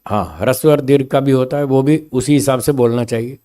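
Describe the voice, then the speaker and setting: A man teaching a philosophy class, explaining meaning through slow spoken examples and often checking that his listeners follow. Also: mid-range voice, dark tone. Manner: stresses single words to show meaning.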